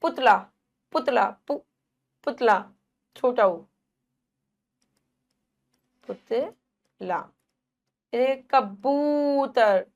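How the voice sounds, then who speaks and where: A woman teacher gives young children a Hindi phonics lesson in a fairly high-pitched voice. She repeats words, stretches the vowel sounds, and asks questions that she then answers herself.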